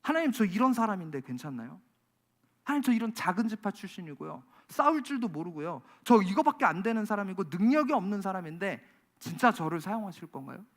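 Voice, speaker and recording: A man's voice: high-pitched, sing-song, fast, full character voice. A man acting out a timid young biblical warrior who anxiously begs God for another sign. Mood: meek. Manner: anxious, begging, self-deprecating.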